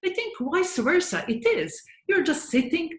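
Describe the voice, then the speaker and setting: A woman's voice: high voice, very animated, unhurried. Serbian-accented woman in an echoey room. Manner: earnest, thoughtful, frequent hesitations. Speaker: guest, head of software development. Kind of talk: interview answers.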